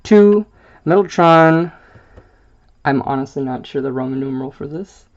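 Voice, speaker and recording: A man presenting a card game deck, reading the card text aloud in a halting way, stumbling over wordings and filling gaps with "uh". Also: fairly high pitch, dull audio.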